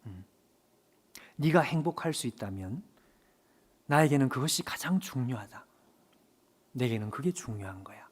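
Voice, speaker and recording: A man voicing a gentle, loving God during a sermon story, speaking softly and low, near a whisper. The lines are tender and reassuring. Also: expressive, normal speed, long pauses, husky.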